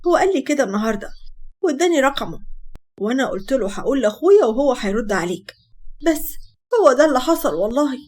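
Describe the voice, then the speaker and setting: Woman doing shy Egyptian student girl, high, rapid, bashful. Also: animated, a little mellow. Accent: Egyptian Arabic. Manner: bashful, gushing. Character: shy excited young woman, college student.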